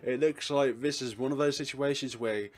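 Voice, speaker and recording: A man plays a visual novel and reads its text aloud in a mid-range voice with fairly even intonation and normal speed. Playful throughout, he acts out the narrator's lines and fills his commentary with exclamations, laughs, and joking, chuckly asides.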